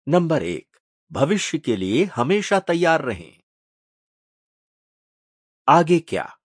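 Slow expressive male audiobook narrator. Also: medium pitch, husky, no echo, studio quality. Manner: measured, expressive storytelling.

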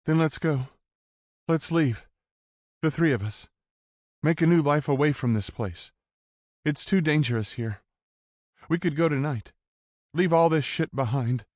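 A man's voice: fairly high pitch, a little slow, long pauses, a little mellow, no room sound, clean studio sound, pitched above the performer's own voice, close to an everyday voice. A man voicing a desperate, fierce young woman who urgently pleads with her brothers to run away. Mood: urgent pleading. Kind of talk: audiobook character voice.

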